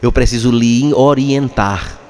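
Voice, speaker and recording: A man with a Brazilian Portuguese accent, preaching a sermon as a pastor, passionate and emphatic, at times rising almost to a shout. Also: medium pitch, takes it slowly. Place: church sanctuary. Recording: long hall reverb.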